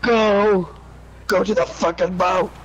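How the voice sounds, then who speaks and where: A young man in casual gaming chat, excitable and urgent, swearing as he role-plays online. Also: high-pitched, slow pace, muffled recording, over a noisy crowd. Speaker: player in online role-play game.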